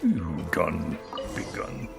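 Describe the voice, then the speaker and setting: A woman gaming streamer with a very deep, gravelly voice, big pitch swings and drawn-out words does casual let's-play commentary over video game music. She reacts playfully in short murmurs and reads game text aloud.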